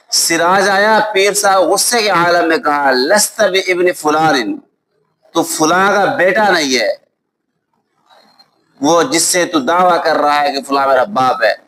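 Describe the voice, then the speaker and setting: A man with a Pakistani Urdu accent teaching a lesson on Islamic law. He recites Arabic texts slowly, then explains them with examples and often checks that students follow. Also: fairly high pitch, fairly bright tone, poor audio. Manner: explains with worked examples and asks "ٹھیک ہے؟" to check understanding. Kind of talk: classroom lecture.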